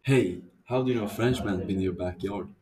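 A man's voice: lowish voice, quick pace, music in the background, lightly acted. A man acting a tough, streetwise boy who leads his gang of friends, brash and casual, in an amateur dramatic read-through. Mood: brash, teasing.

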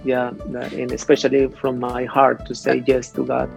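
A man from Mexico, a priest guest in a conversational interview, speaking in a hesitant, halting way with many restarts. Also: mid-range voice, monotone, gravelly, a little mellow. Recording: slightly dull audio with faint music.

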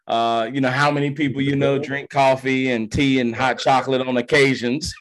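A man's voice: medium pitch, little pitch movement, normal speed, crowd noise. A former pro ballplayer talks as a podcast guest, with a voice that sits in the middle of the male range. He tells his story in loose, slangy language and acts out the voices of the people in it. The talk stays easygoing. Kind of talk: casual storytelling.

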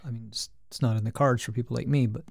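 Gravelly man rambling in casual chat. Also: medium pitch, fairly even intonation, quick pace, a little mellow, no echo, studio quality. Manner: rambling, with many restarts and hesitations. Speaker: podcast co-host.

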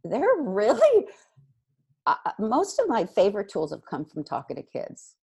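A woman giving parenting advice in casual chat, animated and acting out what parents and kids might say. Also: mid-range voice, measured pace, vocal fry, husky. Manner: animated, acts out quoted dialogue. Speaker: parenting guest expert.

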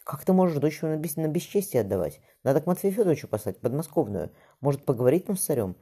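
A narrator voicing a gentle, frightened boyar's wife who speaks softly and pleads with her husband. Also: sits low, big pitch swings, quick pace, husky, pitched above the performer's own voice, heavily acted.

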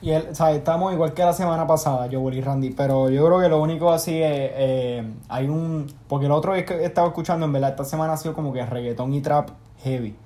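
A young man with a Puerto Rican accent hosting a casual podcast, relaxed and slangy as he recommends music and shows. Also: a little high, fast talker, few pauses. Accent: Puerto Rican Spanish. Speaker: podcast host. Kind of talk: casual chat. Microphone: remote call mic.

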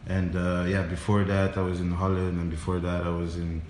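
Very deep, flat-voiced young man. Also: normal speed, reverberant, slight background noise. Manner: relaxed, many fillers. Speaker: DJ and interview guest. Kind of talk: casual interview chat.

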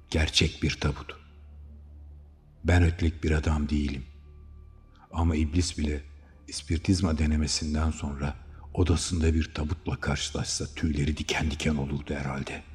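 A man's voice: very deep voice, little pitch movement, normal speed, pauses often, faint music behind. A man voicing a terrified middle-aged doctor who speaks in an urgent, shaky way. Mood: shaken. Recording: long hall reverb.

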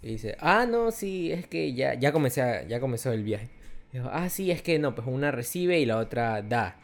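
Animated young Ecuadorian man telling a story. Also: mid-range voice, moderate pace. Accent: Ecuadorian Spanish. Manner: animated, laughs often, acts out quoted voices. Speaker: podcast co-host. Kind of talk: casual storytelling chat.

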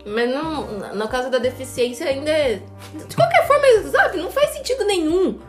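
A woman's voice: high-pitched, very animated, moderate pace, faint music behind. A Brazilian woman co-hosting a casual podcast chat. She tells stories with a lot of laughter and acts out other people's lines. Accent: Brazilian Portuguese. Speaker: podcast co-host.

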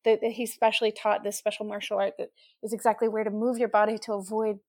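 A woman's voice: medium pitch, level tone, quick pace, darkish tone, no room sound, studio quality. A woman hosting a casual podcast, asking questions eagerly and restarting her sentences often. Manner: enthusiastic, asks questions, restarts. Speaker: podcast host.

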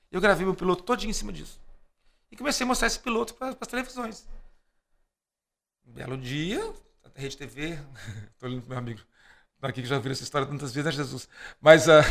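This animated storyteller, a Brazilian man guesting on a podcast, has a slightly high, creaky voice. His anecdotes feature dialogue acted out in different voices, with laughter slipped in between lines.

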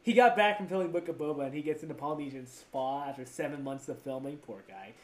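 A man's voice: fairly high pitch, fast talker. A young man co-hosting a podcast in casual chat, giggling and laughing often. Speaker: podcast co-host.

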